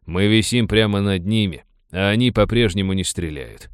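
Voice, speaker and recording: A gruff, irritable pirate commander who grumbles his words low and curt, voiced by a man reading the story. The voice sits deep and is kept close and dry, with no room around it. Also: normal speed, no echo, close to an everyday voice. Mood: irritated.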